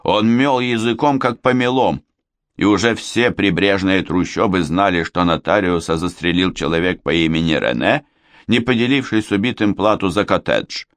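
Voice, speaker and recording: A man's voice: deep voice, moderate pace, no echo, close to an everyday voice. A man voicing a vengeful, scheming older Frenchwoman confessing her crimes with a snappish, bitter edge in an audiobook. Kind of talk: audiobook character voice.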